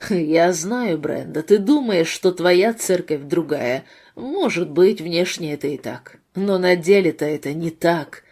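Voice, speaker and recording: A woman voicing a bitter, wounded husband with a low, muffled voice in a read-aloud novel. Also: animated, unhurried, breathy edge. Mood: hushed. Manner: bitter, hushed.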